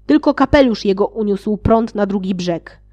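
A woman reading a fairy tale aloud, playful, with sarcastic asides and loudly acted quotes. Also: expressive, normal speed, lo-fi sound. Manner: reads with sarcastic asides and laughs; acts out shouted quotes with raised pitch. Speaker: audiobook reader.

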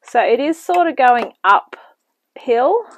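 A woman's voice: high-pitched, animated, takes it slowly, lo-fi sound. A woman hosting a home cooking demonstration, talking casually with rambling asides as she works, heard from a camera in a home kitchen. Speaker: cooking show host. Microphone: camera mic, off-screen speaker at the bench.

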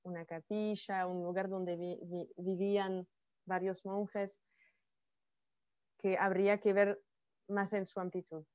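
A woman's voice: mid-range voice, flat delivery, a little slow, long pauses, darkish tone, no room sound, muffled recording. A woman from France teaching a bilingual online class, explaining each French phrase again in Spanish.

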